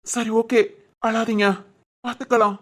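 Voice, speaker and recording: A woman voicing a gentle young husband in a dubbed cartoon drama, earnestly pleading and reassuring. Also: on the high side, level tone, unhurried.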